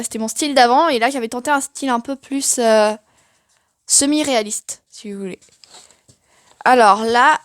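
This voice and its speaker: A woman's voice: a little high, dry recording, studio quality. A young woman giving a casual, chatty tour of her sketchbook, self-mocking and full of fillers. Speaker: art vlogger.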